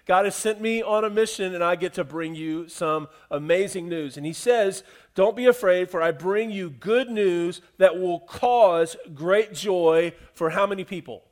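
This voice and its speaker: A man with a high, light voice preaches a sermon as a pastor. He drops from ringing emphasis to near-hushed quiet, repeating phrases and putting questions to his listeners. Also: a little slow.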